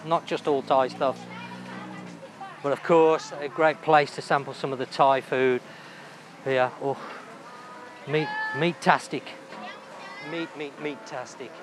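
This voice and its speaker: A man hosting a walking tour of a night market, chatting enthusiastically and thinking aloud about the food he sees. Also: a little high. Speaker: travel vlogger host. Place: busy outdoor night market. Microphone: handheld camera while walking. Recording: loud outdoor market noise.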